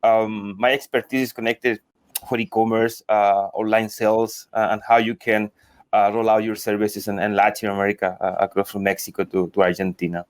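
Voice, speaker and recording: A man from Chile introducing himself on a panel, halting and searching for words. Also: fairly low pitch, level tone, dry recording. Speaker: panelist, e-commerce consultant.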